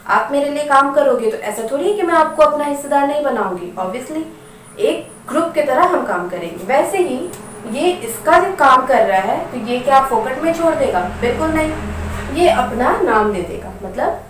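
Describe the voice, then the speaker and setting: A woman's voice: high-pitched, expressive, normal speed, far from the mic. A woman teaching English grammar, patiently repeating words and asking learners questions as she goes. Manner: asks rhetorical questions. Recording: echoey room, voice from off the mic, faint noise.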